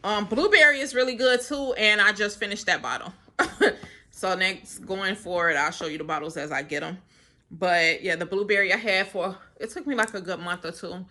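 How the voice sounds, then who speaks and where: A young woman talks casually to her camera in a loose, rambling way. Her voice is bright and forward, and she breaks into quick laughs between thoughts. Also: medium pitch. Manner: chatty, laughs often, rambling. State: slightly winded. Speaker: vlogger. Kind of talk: casual chat.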